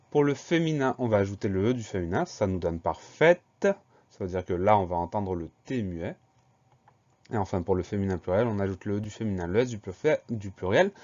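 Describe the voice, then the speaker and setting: A man teaching a children's spelling lesson, slow and patient, spelling each word letter by letter. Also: lowish voice, darkish tone. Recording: dull lo-fi recording.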